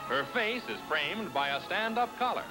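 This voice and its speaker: High, lively 1940s newsreel announcer man. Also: moderate pace, poor audio. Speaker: newsreel narrator. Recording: narration over loud music.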